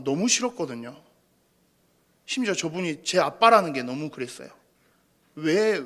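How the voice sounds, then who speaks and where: A man's voice: on the high side, fairly bright tone. A man in his thirties preaching a sermon, telling a personal story in a conversational, self-deprecating way. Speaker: pastor.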